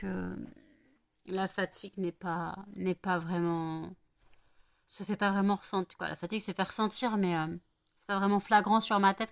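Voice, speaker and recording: A worn-out woman from France in a casual home vlog, cooing baby talk to her dogs after one hour of sleep. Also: mid-range voice. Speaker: vlogger.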